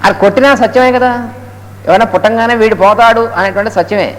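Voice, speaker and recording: A man with a high voice rushes through a spiritual discourse, breaking off to chant Sanskrit verses slowly. His talk rings with the long reverb of a hall, and a faint hiss sits behind it. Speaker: Gita lecturer. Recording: echoey hall with faint noise.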